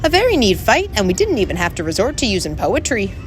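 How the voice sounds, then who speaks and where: A brash little Scottish fairy chieftain played by a woman from a storybook, bossy and boastful. The voice swings up and down with great animation, over clear background noise. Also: mid-range voice, wildly swooping pitch, fast talker. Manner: boastful, bossy, dialect-heavy talk. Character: tiny brash cheerful fairy clan leader, adult male.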